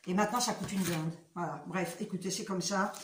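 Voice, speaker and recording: A woman's voice: lowish voice, steady tone, a little fast, echoey room, slight background noise. A woman vlogger chatting casually to her viewers, retelling conversations and swearing freely.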